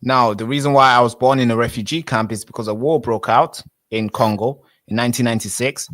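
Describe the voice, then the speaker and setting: A man's voice: medium pitch, steady tone, a little fast, a bit bright, no room sound. A man in his twenties, born in Tanzania, arguing insistently in a heated street debate and cutting in to hold the floor. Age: 20s. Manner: insistent, interrupts with repeated "wait, wait". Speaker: interviewee.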